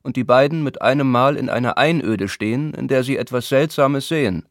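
A man voicing a learned older gentleman who lectures pedantically, read aloud in an audiobook. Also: mid-range voice, brisk, dry recording, clean studio sound, pitched above the performer's own voice, lightly acted. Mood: lecturing. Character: learned older gentleman showing off his Greek. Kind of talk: audiobook reading.

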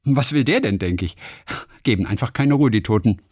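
Male podcast co-host, casual jokey chat, animated pitch, dry close mic. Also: moderate pace, slightly rough, no echo. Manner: reads listener mail aloud, jokey.

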